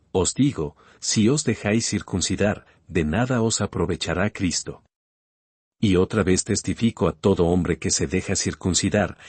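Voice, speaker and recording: A man narrates scripture from a script in a solemn, booming biblical style. His voice is husky and slightly mellow, with no echo.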